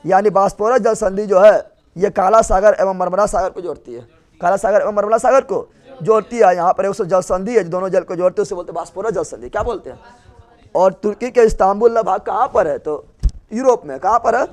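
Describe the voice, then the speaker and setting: A man's voice: high voice, darkish tone. A middle-aged man teaching a general-knowledge revision class, asking questions and chanting the answers over and over. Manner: asks and repeats answers in chants. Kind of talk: call-and-response revision lesson.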